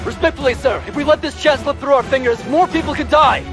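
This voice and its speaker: A man's voice: extremely high pitch, fast, over music, a crowd in the background. A man voicing a headstrong, zealous army major in an overacted anime dub. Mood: defiant, rousing.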